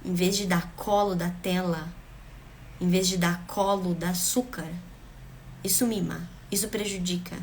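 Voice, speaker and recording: A woman's voice: on the low side, steady tone, measured pace, slight background noise. A woman speaking earnestly and emphatically, giving parenting advice straight to the camera and repeating phrases for rhythm. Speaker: parenting vlogger.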